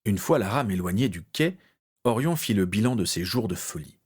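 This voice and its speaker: A man narrating a story in an expressive, dramatic reading style. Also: lowish voice, moderate pace, breathy edge. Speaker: audiobook narrator.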